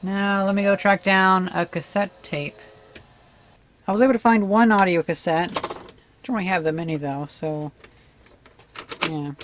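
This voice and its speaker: A vlogger demonstrates vintage audio gear in a casual, unscripted way, sounding musing and tentative, as if thinking aloud. The mid-range voice moves at a moderate pace with frequent pauses, over clicks and background noise.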